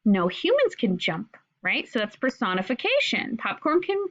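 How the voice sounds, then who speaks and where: A woman teaching figurative language to children, asking questions and sounding words out slowly in an encouraging way. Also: on the high side, huge pitch swings. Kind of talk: explaining lesson to children. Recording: dull lo-fi recording.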